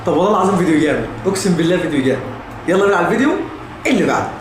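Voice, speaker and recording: Echoey noisy room, egyptian guy reacting to funny clips, talks quick, exclaims a lot. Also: on the high side, lively intonation. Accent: Egyptian Arabic. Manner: exclaiming, addressing viewers and clips informally. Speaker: host of comedy reaction videos. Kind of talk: casual comedic reaction commentary.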